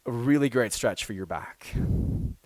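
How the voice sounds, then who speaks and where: A man teaching a power yoga class, giving calm, encouraging step-by-step cues and gentle praise. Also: medium pitch, unhurried, no room sound. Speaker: yoga instructor. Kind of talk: guided yoga class instruction.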